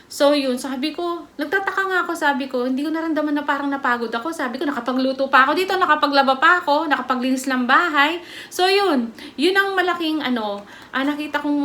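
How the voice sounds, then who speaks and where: A woman's voice: high voice, sharp tone. A middle-aged woman from the Philippines gives a casual personal testimony as a vlogger, chatty and rambling, with many fillers and restarts. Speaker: vlogger giving a product testimony.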